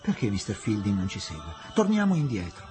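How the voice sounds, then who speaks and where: A man's voice: lowish voice, huge pitch swings, brisk, darkish tone, soft background music, pitched below the performer's own voice. A man reading aloud and voicing an anguished young Indian doctor who calls out pleadingly. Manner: pleading, crying out.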